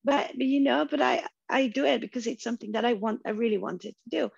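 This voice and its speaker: A woman with a hoarse, raspy voice that is nearly gone, speaking casually as an interview guest. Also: a little high, fast talker, dry recording. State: hoarse, losing her voice while unwell. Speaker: podcast guest, venture capital professional. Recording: dull, lo-fi audio.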